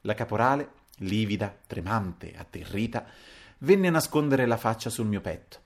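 A man reading a literary audiobook aloud in an expressive, dramatic storytelling manner. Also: on the low side, normal speed, creaky. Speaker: audiobook reader.

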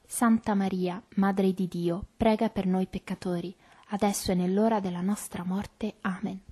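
A woman leading a recited rosary prayer in a soft, even, devotional way. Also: medium pitch, moderate pace, husky. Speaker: prayer leader.

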